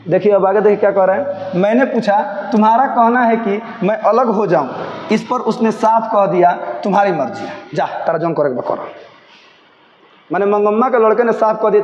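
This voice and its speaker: A man's voice: high-pitched, echoey room, in a large hall, highs cut off, a little hiss or hum. A man teaching a story to students, reading lines and explaining them in a Bhojpuri accent. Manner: switches between reading and dialect asides.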